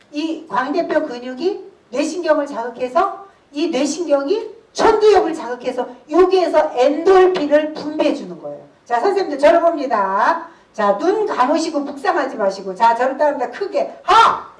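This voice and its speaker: A woman in her sixties leads a laughter therapy workshop with a high, lively voice that leaps up and down. She bursts into loud laughs and shouts to get the group going. She is heard from some distance in an echoey room. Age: 60s. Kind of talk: workshop lecture with call-and-response. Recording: roomy hall, voice from a distance.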